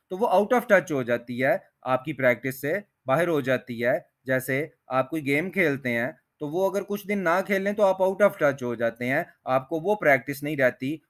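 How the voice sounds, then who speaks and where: Male teacher reading examples word by word. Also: fairly high pitch. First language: Urdu. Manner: reads example sentences word by word, slow and deliberate. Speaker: English teacher. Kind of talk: language lesson explanation.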